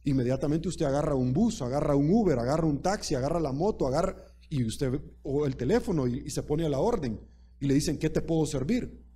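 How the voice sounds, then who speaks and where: Emphatic male preacher, mellow voice. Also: fairly high pitch, lively intonation, brisk, husky. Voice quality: emphatic and repetitive, addressing the congregation directly. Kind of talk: sermon.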